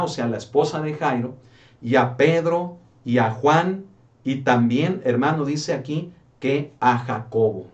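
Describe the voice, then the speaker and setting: A male pastor delivers a sermon at a middle pitch. He preaches with rhetorical questions and keeps calling his listeners brother. His voice sounds set back from the microphone. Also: distant mic.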